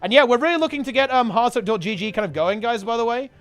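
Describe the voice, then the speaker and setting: A man's voice: very high voice, fast talker, fairly bright tone, soft background music. A man streaming casually to his chat, rambling in gamer slang and repeating himself while getting over a sickness. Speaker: game streamer and video host.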